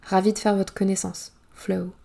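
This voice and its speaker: A woman's voice: medium pitch, flat delivery, normal speed, vocal fry, warm tone. A woman voicing a charming, easygoing young male British musician in a storybook reading.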